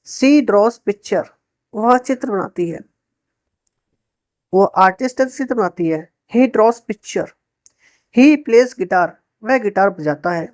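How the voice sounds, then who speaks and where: A woman teaching to Hindi speakers, repeating each sentence slowly and translating it with questions to the viewer. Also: medium pitch, darkish tone, no room sound, clean studio sound. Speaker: English teacher. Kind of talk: spoken English lesson for Hindi speakers.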